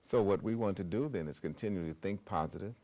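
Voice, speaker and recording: A woman's voice: rumbling low, fast, warm tone. A woman interviewing a guest on television, encouraging and prompting with frequent affirming murmurs.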